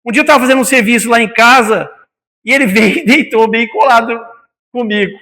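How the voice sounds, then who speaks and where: A man's voice: very high-pitched, fairly quick, bright, forceful tone. A man with a Brazilian Portuguese accent giving a spiritist talk to an audience, calling them brothers and asking many rhetorical questions, in a meeting hall. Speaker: spiritist lecturer. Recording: long hall reverb.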